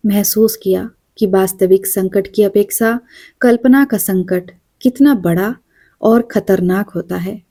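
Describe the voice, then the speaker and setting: Slow, mellow woman storyteller. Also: medium pitch. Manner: slow, measured and quiet. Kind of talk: audiobook narration of a short story.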